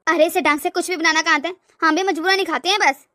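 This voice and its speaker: Scornful cartoon mother-in-law, woman voicing, shrill high voice, dry. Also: steady tone, fast, pushed and bright, no room sound. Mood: nagging. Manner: nagging, haughty. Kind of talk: cartoon voice acting.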